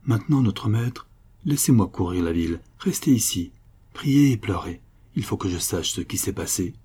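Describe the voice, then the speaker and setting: A man's voice: lowish voice, expressive, normal speed, warm tone, husky. A man voicing a loyal, strong servant who speaks curtly and bluntly. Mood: urgent. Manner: curt, blunt.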